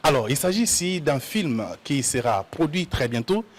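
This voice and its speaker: A man's voice: a little high, sing-song, moderate pace, slight background noise. A man hosting a television studio interview, friendly and chatty, often stumbling over repeated words. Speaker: TV host.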